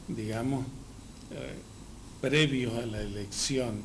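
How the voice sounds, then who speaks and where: Slow, measured Argentine man host. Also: medium pitch, a little mellow. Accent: Argentine Spanish. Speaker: interviewer host. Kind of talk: political talk show interview. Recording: faint background noise.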